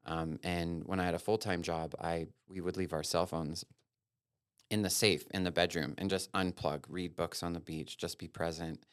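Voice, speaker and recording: A man's voice: low-pitched, fairly even intonation, normal speed, clear, resonant tone, no echo, clean studio sound. A man from Wyoming, a guest photographer, talking candidly and earnestly in a casual interview, with long run-on thoughts.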